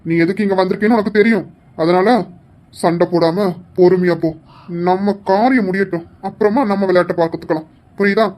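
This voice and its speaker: A woman's voice: mid-range voice, brisk, darkish tone, lightly acted. A woman voicing a scheming, sleazy young man who is a wife's brother, in a home-made audio drama. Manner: smug, sly and sleazy.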